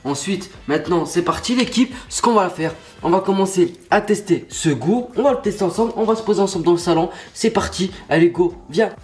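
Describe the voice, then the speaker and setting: Congested from a cold, this young male YouTuber speaks in a high voice, briskly and almost without pausing. In his casual vlog he addresses viewers straight on, sounding pumped-up and full of slang.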